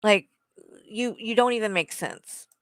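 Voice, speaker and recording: Woman, live reaction stream, blunt and profane, slow delivery, smooth clear voice. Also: mid-range voice, no room sound. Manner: blunt, profane, addresses someone directly. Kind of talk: heated live commentary.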